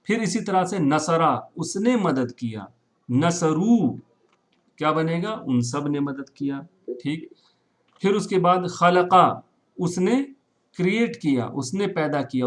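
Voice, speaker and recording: A man with a slightly higher-than-usual voice leads a recorded lesson, explaining Arabic verb forms in Urdu with English words mixed in. He speaks patiently, repeats each form and keeps checking in with his students. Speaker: Quran Arabic teacher. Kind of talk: classroom-style recorded lesson.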